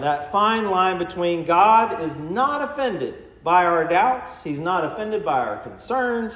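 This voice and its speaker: A male pastor delivers a sermon in a fairly high voice, sounding out the roomy echo of a church. He talks in a conversational way, acting out quoted prayers with lively voices. He sometimes drops low and quiet to drive a point home. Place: church sanctuary.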